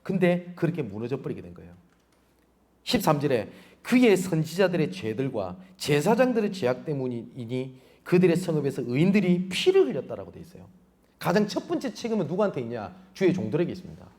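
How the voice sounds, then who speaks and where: A man's voice: fairly high pitch, huge pitch swings, brisk, darkish tone. A male pastor preaching a sermon, pressing rhetorical questions on the congregation. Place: church sanctuary.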